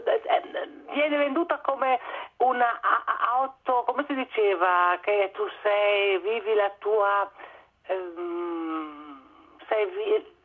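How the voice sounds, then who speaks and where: A woman speaks Italian-accented by a slight German tinge, over a thin phone-like line. Her voice is husky and medium-pitched. She answers as an interviewed expert, haltingly, often repeating words as she looks for the right one. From Italy. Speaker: expert guest on migration. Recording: muffled narrow-band phone or radio line.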